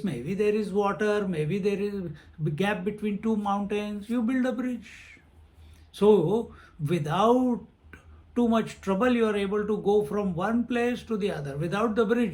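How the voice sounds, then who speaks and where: A man's voice: sits high, unhurried, a little mellow. A man giving a spiritual discourse on scripture, repeating phrases and chanting verses. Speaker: swami teaching scripture.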